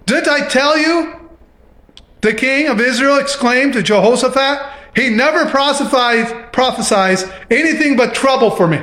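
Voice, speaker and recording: A man's voice: very high-pitched, fairly bright tone, reverberant. A man preaching a sermon who reads scripture aloud and stops to explain it in his own words.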